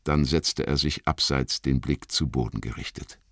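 A man reading a fantasy audiobook as narrator, expressive and dramatic. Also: very deep voice, moderate pace, no echo, studio quality. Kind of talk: scripted narration.

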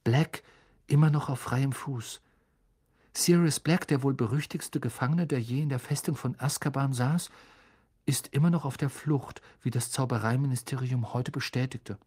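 A narrator reading a fantasy audiobook in an expressive, storytelling manner. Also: mid-range voice, normal speed, slightly rough.

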